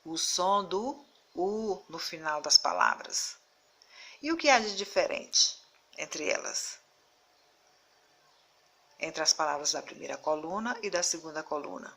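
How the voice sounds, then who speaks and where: A female teacher with a fairly low, slightly bright voice works through word lists in a video lesson. She reads them deliberately and slowly, emphasizing syllables.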